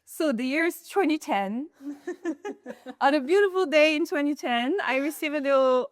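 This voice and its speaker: A woman's voice: high-pitched, animated, unhurried, dry recording, clean studio sound. A woman in her twenties from Morocco, chatting casually as a guest, laughing often and filling with "like". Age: 20s. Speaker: guest, event co-founder. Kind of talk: casual chat.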